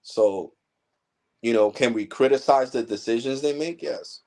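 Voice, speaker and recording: Speaking at a measured pace in a warm, mid-range voice, a tech-channel host in his 40s delivers a casual livestream monologue. He lectures his viewers in a blunt, heated, profane rant.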